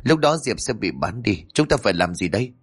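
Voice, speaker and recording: A man voicing an anxious young woman in a spoken story, talking in a hurried way. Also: on the low side, very animated, husky.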